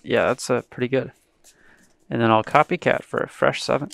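Terse, gravelly man at a card table. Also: mid-range voice, fairly even intonation, brisk, fairly bright tone, dry recording. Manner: dry, terse replies. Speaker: card game opponent. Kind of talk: casual talk during a card game.

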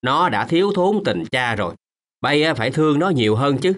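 A man's voice: mid-range voice, sing-song, fairly quick. A remorseful old grandfather. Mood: stern. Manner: gentle, then firm and scolding. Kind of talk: radio drama acting.

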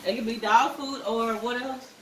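A woman's voice: on the high side, steady tone, normal speed, reverberant, crowd noise. A woman in casual chat, teasing and telling others what to do. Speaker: family game player. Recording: noisy handheld phone in kitchen.

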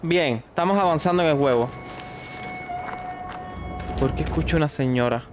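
A man's voice: a little high, moderate pace, music in the background. A young man, commenting live on a horror game he is streaming, jumpy and panicky, shrieking when something scares him.

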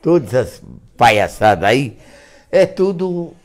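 A man's voice: mid-range voice, big pitch swings, takes it slowly, a little mellow. A very old man in his eighties with a Brazilian accent and an aged voice, chatting jokingly on a sofa as a grandfather on a live stream. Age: 80s. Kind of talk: casual joking chat. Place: living room sofa. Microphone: lapel mic.

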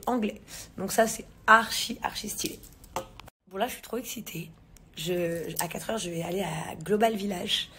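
A slightly rough, mid-range female voice belongs to an English-born vlogger in her thirties. She chats casually to her followers in a large living room, holding a phone camera at arm's length, and her speech is full of fillers, restarts and slang.

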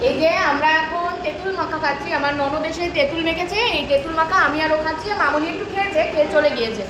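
A woman's voice: high voice, fast talker, reverberant, noisy background. A young adult woman chatting casually to viewers as she shows her home life in a vlog. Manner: chatty, showing things to viewers. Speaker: vlogger.

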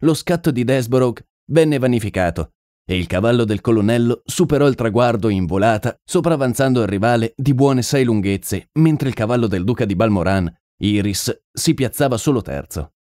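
A man narrating a detective story in a measured audiobook reading. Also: medium pitch, animated, a little mellow, dry recording, clean studio sound. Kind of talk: scripted narration.

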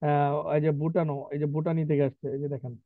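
A man's voice: fairly high pitch, flat delivery, a little fast, dry recording. A man teaching an online vocabulary class, drilling spellings and pronunciation with chatty asides. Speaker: English teacher. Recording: tinny dry online call.

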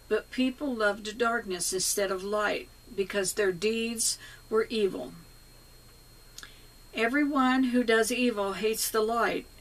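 Older woman reading a slow home sermon. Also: medium pitch, a bit bright, recorded from a distance, low-quality recording. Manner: slow, careful reading of scripture and notes. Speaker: lay preacher. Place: small home office with bookshelves.

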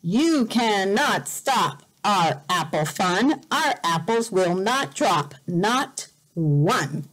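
A middle-aged woman teacher reads a picture book aloud to young learners, explaining simply, deliberately and expressively, repeating words. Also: medium pitch, very animated, rough recording. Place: indoor room at home.

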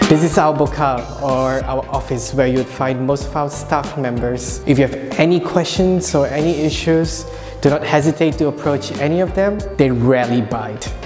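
A man's voice: medium pitch, normal speed. A man guiding a walking tour of a coding campus, cheerful and welcoming with playful asides. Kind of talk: scripted walking tour narration. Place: large open-plan campus building indoors. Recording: music playing behind.

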